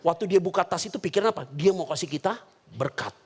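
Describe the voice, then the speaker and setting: A man's voice: high-pitched, quick pace, breathy edge. A man preaching a humorous sermon as a pastor, telling funny stories and acting out the people in them. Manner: animated, jokes and voices quoted characters. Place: church hall.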